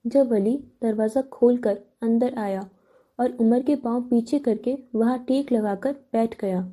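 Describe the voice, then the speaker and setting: Dark-toned woman narrating a novel. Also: on the high side. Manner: steady storybook reading. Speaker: audiobook narrator.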